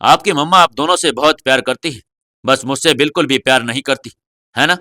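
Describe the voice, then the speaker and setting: A man playing a gentle, teasing father who is recovering in bed, in an audio story. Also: medium pitch, a little fast, no room sound, studio quality, lightly acted. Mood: fond.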